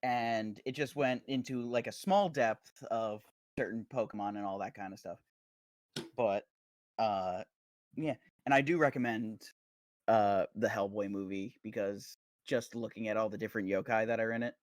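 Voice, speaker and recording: A man's voice: lowish voice, moderate pace, no echo. Rambling young man, dry close mic. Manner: rambling, crude humor. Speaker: podcast co-host. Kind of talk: casual chat.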